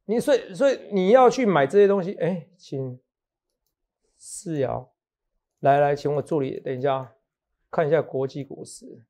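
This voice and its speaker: Hosting a relaxed market talk show, a middle-aged man with a Taiwanese Mandarin accent speaks at a moderate pace with long pauses, his voice slightly high and darkish. He teases and chats, laughs and jokes a lot, and keeps asking his co-host "好不好".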